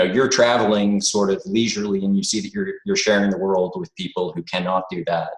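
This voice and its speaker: A deep-voiced man, born in the United States but raised abroad, is a guest in a reflective conversational interview. He sounds hesitant and thoughtful, leaning heavily on "you know" fillers, and the recording is echoey.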